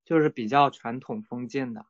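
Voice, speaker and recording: 中等音高、试探着提问的男性. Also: male voice, medium pitch, moderate pace. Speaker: interviewer. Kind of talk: casual conversational questioning. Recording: slightly muffled, band-limited audio.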